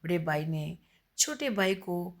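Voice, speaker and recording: A woman narrating a story in an earnest, gently dramatic way. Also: lowish voice, animated.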